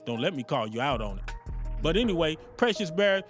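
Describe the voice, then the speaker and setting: A man hosts an interview podcast in an emphatic, street-smart manner. His voice sits high and swings widely in pitch. Faint music plays behind him. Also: brisk. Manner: animated, emphatic street talk. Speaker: podcast host.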